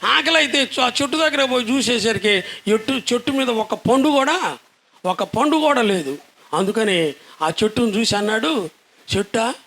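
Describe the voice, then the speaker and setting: A man preaching a sermon to children, firing rhetorical questions and answering them, then rising to loud, emphatic declarations. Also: high-pitched, husky.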